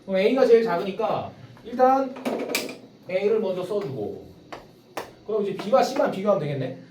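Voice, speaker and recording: Animated math tutor in a roomy classroom. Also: mid-range voice, measured pace, background noise. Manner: calls on students by name, explains step by step. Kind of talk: small-group math lesson. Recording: roomy sound from a distance.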